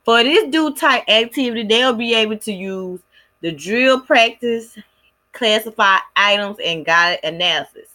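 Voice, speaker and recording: A woman presenting a first-grade lesson plan in a casual, halting way, with many fillers. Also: a little high, lively intonation, pushed and bright. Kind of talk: recorded class presentation.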